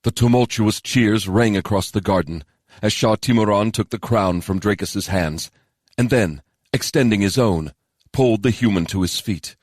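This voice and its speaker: Deep-voiced male audiobook narrator. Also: normal speed, no room sound, studio quality. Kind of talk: scripted fantasy narration.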